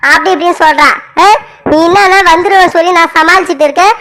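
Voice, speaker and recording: An actress playing an angry village mother who scolds her daughter in a family drama, in a loud nagging voice. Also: very high voice, a little fast. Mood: scolding.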